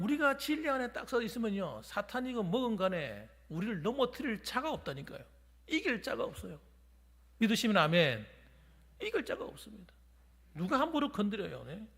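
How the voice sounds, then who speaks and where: A man's voice: very high-pitched, gravelly, in a large hall. A pastor preaching a sermon in a church, emphatic and urging his congregation. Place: church sanctuary during a weekday service.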